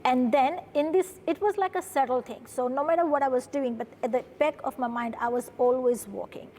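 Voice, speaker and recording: This guest, a Fijian woman who founded a production company, talks briskly in a high, mellow voice during a studio interview. She's earnest and often tacks "right?" onto what she says while telling her story. Faint hiss or hum is present.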